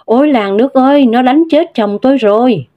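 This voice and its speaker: A woman reading a story aloud and voicing a sharp-tongued young village wife and mother, on a dull lo-fi recording. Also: animated, unhurried. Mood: wailing. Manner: shrill, sharp.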